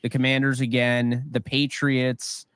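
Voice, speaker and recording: A man co-hosting a sports podcast, giving rambling, animated opinions with lots of fillers. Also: medium pitch, a little slow, smooth, dry recording, clean studio sound. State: voice getting worn. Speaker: podcast co-host. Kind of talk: casual sports talk.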